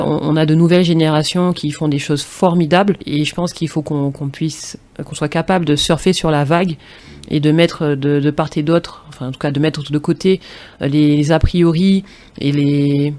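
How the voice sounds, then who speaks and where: A woman's voice: deep voice, darkish tone. A woman from Martinique, a former professional basketball player, talking as a podcast guest in a thoughtful, restarting way, full of fillers. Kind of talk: casual interview talk.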